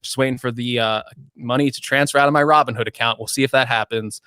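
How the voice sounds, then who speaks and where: A man co-hosting a tech podcast in casual chat, animated and self-mocking. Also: medium pitch, fast, smooth, no room sound, studio quality. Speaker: podcast co-host.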